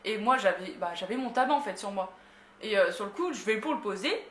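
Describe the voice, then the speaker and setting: A woman's voice: mid-range voice, lively intonation, brisk, a bit bright. A young woman from France telling a story in a casual, slangy way, laughing often. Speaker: vlogger. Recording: roomy echo.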